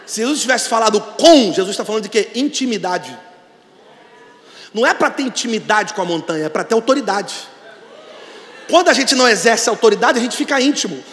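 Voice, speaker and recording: Brazilian male pastor, bright forceful tone, sermon in a big reverberant church, shouts declarations. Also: high-pitched, animated, a little fast. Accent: Brazilian Portuguese. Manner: preaching with call-and-response, building to shouted declarations. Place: large church.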